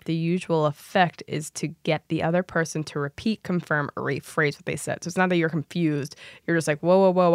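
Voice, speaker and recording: A woman's voice: low voice, clean tone, no room sound, clean studio sound. A woman co-hosting a podcast, explaining things in an informal, slightly rambling chat. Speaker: podcast co-host. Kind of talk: casual explanatory chat, some reading aloud.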